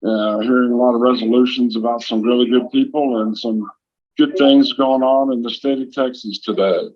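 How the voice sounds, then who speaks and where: A middle-aged man, a state legislator, talking as a guest on a lo-fi phone call with a poor connection, halting and repeating words. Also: mid-range voice, fairly even intonation. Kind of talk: casual interview over a phone call. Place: walking through a busy legislative building. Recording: muffled lo-fi phone line.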